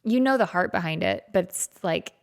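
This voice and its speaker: A woman's voice: on the low side, animated, normal speed. A woman co-hosting a podcast, talking in a casual, chatty and self-deprecating way and laughing often. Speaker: podcast co-host. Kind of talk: casual chat.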